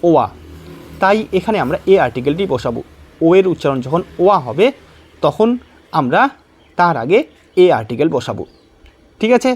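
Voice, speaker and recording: During an exam-prep class, a male teacher explains things step by step with patience, asks questions, and reads sample sentences at a slow pace. He sounds husky, fairly high, and very animated.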